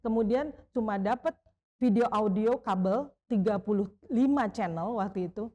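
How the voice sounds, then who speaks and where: A middle-aged woman, a veteran sports broadcaster telling stories in a casual interview. She talks in an animated way, acts out the voices of people she quotes, and keeps adding a polite "Pak" for the man she is talking to. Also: mid-range voice, normal speed.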